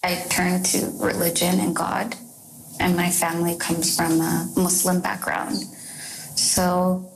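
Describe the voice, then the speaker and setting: A young woman from Canada, interviewed and recounting her past in a halting, measured way with fillers. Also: lowish voice, monotone, vocal fry, slight background noise, poor audio. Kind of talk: recorded interview recollection.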